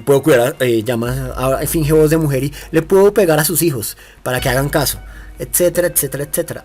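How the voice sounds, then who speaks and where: A man giving a casual film commentary, retelling the plot in a meandering, halting way with frequent restarts. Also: fairly high pitch, darkish tone. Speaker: film reviewer.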